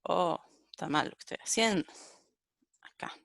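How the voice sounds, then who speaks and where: Woman teaching programming, slightly gravelly. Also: lowish voice, moderate pace, fairly bright tone, dry recording, clean studio sound. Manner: thinks aloud while typing, corrects herself. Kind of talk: live-coding lecture.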